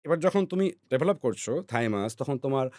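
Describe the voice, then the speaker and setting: A man's voice: mid-range voice, expressive, brisk. Guy explaining stuff on a podcast, keeps going "all right?", dry close sound, no echo. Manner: teacherly, checks in with "all right?" often; repeats words, trails off softly. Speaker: podcast guest.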